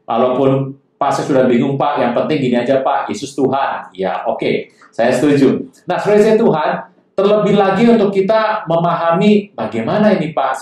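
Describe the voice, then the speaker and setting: A man's voice: on the high side, darkish tone. A male pastor teaching a Bible lesson, addressing his listeners directly and reading scripture aloud. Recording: echoey distant church hall sound.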